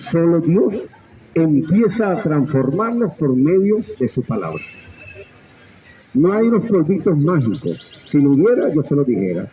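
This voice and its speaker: A man's voice: on the high side, big pitch swings, measured pace, warm tone, lo-fi sound. A middle-aged man preaching a sermon with fervent, swooping delivery that rises and drops sharply. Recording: faint background noise.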